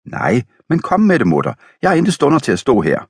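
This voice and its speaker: A man's voice: extremely low pitch, breathy edge, no echo. Man doing a dignified old craftsman. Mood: wry. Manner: dry, teasing. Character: dignified, self-assured older master turner.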